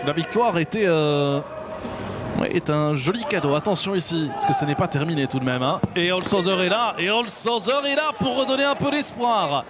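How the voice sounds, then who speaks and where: A man's voice: high-pitched, normal speed. A man with a Belgian French accent doing emphatic, rhetorical live football commentary. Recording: loud crowd noise behind commentary. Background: stadium crowd.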